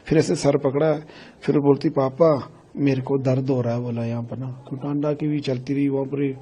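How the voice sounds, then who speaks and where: A middle-aged man from Himachal Pradesh, a grieving father, recounting events in a news interview in a halting, repetitive way, often quoting what his family said. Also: medium pitch, level tone, dark tone, breathy edge, dull audio. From Himachal Pradesh, India. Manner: repetitive, halting storytelling that quotes family dialogue.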